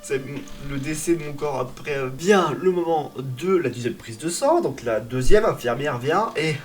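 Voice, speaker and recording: Young guy vlogging a dramatic funny story, very lively pitch, music behind. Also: moderate pace. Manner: dramatic, exaggerated, self-mocking. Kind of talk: comic personal storytelling.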